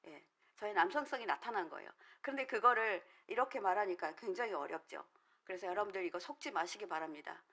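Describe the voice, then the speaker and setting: A woman's voice: mid-range voice, lively intonation, fast, pushed and bright. A middle-aged woman pastor, also a counselor, giving an earnest, explanatory sermon at a prayer meeting, with frequent filler words. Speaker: counselor trained in dream analysis.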